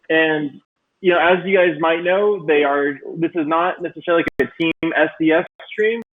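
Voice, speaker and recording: A man hosts an online stream, his speech loose and chatty. His voice comes through a robotic, metallic-sounding mic, thin and phone-like over the call. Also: fairly high pitch. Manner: loose and chatty, many fillers. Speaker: livestream host. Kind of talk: casual livestream hosting. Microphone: computer mic on a video call.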